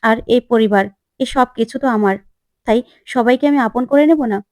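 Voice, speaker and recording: A woman voicing a defiant, sharp-tongued young woman in a retold TV serial, full of challenging questions. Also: fairly high pitch, moderate pace, no echo, lightly acted. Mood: earnest. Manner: challenging, sarcastic.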